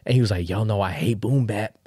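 A man's voice: on the low side, fast, warm tone, slightly rough, dry recording, clean studio sound. A man in his late twenties chatting casually on a podcast, slangy and repeating himself, with lots of "bro" and "man". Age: late 20s. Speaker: podcast co-host. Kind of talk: casual chat.

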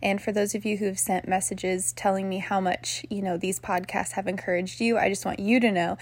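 A woman's voice: medium pitch, little pitch movement, brisk. A woman hosting a podcast, talking casually and earnestly to her listeners, recorded on her phone from her bed at home. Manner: earnest, encouraging, gushing thanks. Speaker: podcast host. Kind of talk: casual heartfelt chat.

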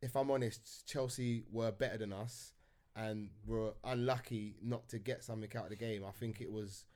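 A man's voice: fairly low pitch, fairly even intonation, moderate pace, a little mellow. A man hosting a casual football podcast, chatty and often asking "you know what I mean". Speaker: podcast host.

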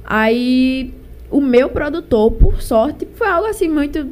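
A woman's voice: high voice, lively intonation, slow pace, a little mellow. A young woman with a Northeastern Brazilian accent and a cold, telling her story casually and colloquially in an interview. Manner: colloquial, chatty. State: has a cold. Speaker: singer being interviewed.

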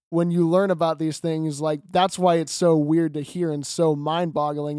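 A man's voice: fairly high pitch, darkish tone, no echo, clean studio sound. A young man co-hosting a podcast, explaining things earnestly in long run-on sentences. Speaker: podcast co-host. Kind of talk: casual chat.

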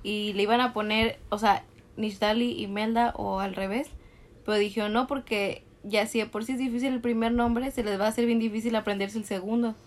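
Young woman co-host, higher-pitched, chatty storyteller who backtracks mid-sentence. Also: fairly even intonation, fairly quick. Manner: rambling storyteller, frequent self-corrections. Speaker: podcast co-host. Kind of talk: casual chat.

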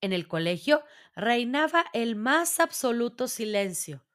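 A woman reading a children's storybook aloud in a gentle, measured way. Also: on the high side, very animated.

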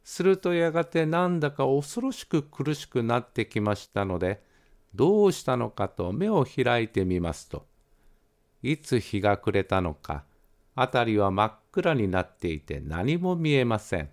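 A man reading a children's story aloud in a gentle, expressive storytelling manner. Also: mid-range voice, unhurried. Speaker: podcast host reading a story.

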